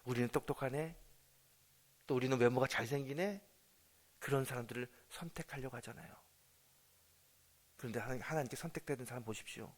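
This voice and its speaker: A man's voice: mid-range voice, fairly quick, long pauses. A man preaching as a senior pastor at an early morning service. He tells a family story, acts out the dialogue and turns to the congregation with questions. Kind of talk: sermon with storytelling.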